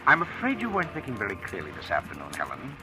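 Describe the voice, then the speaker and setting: An actor playing a smooth, menacing blackmailer who is mockingly polite and taunting, in a 1940s radio drama style. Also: male voice, on the low side, wildly swooping pitch, poor audio. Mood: smug. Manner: suave, taunting, deliberate drawn-out politeness. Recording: old radio drama recording, music underneath.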